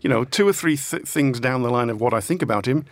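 A man, a guest commentator in lively political chat, animated and jumping into impressions. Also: quick pace, dry recording. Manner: animated, breaks into impressions with big pitch jumps.

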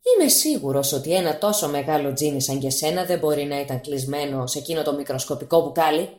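A woman voicing a clever young male fisherman who pleads and flatters, in radio storytelling with a roomy echo. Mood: sly flattery. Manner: pleading, quick-witted, high and breathless when scared.

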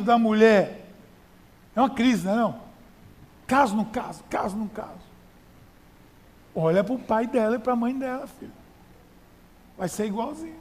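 A man's voice: very high-pitched, in a large hall. A male pastor preaching a sermon in a conversational style, with rhetorical questions and emphatic repetition.

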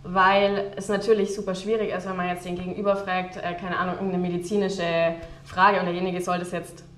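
A woman's voice: lowish voice, flat delivery, a little fast, reverberant, slight background noise. A woman guest in a casual interview, rambling with many fillers and frequent laughs. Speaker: guest, game developer.

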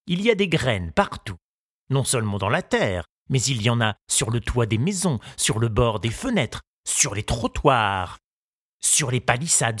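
A man voicing a kindly, wise old male gardener in an audiobook, musing slowly and confidingly. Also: mid-range voice, fairly bright tone, slightly rough, dry recording, studio quality, heavily acted. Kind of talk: audiobook character reading.

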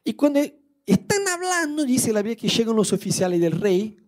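A man preaching, retelling a story in a lively, jokey way. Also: extremely high pitch, moderate pace. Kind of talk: humorous storytelling sermon.

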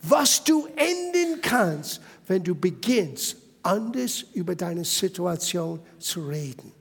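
A man's voice: high voice, sing-song, takes it slowly, creaky, husky, in a large hall. A man preaching a sermon as pastor, emphatic and addressing the listeners directly.

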